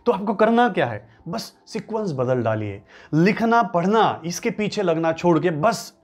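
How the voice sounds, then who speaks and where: A man coaching viewers in a motivational lesson, hammering each point through repetition and lists. His voice sits slightly high and swings widely in pitch as he stresses words. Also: expressive, moderate pace, faint music behind. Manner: emphatic, repeats and lists key points for stress. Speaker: English-speaking coach.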